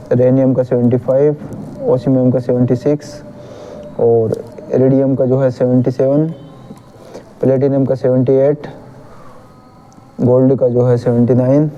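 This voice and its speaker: A man's voice: medium pitch, dark tone, muffled recording, a little hiss or hum. A man with a Hindi accent teaching chemistry, patiently repeating a memory trick and correcting his own slips.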